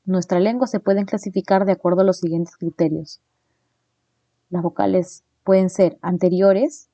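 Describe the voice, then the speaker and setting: In a recorded phonetics lesson, a woman with a mellow, mid-range voice works through her slides, frequently tossing in a quick "¿no?" to check on listeners. She pronounces sample sounds slowly and deliberately; the recording has no echo but sounds muffled.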